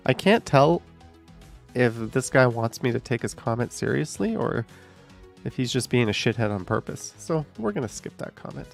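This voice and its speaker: Guy in his 30s with a gravelly voice doing live stream comments, chatty and dry, faint music behind. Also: medium pitch. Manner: chatty, dry asides while reading comments aloud. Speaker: YouTube streamer reading viewer comments. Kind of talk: casual live-stream chat.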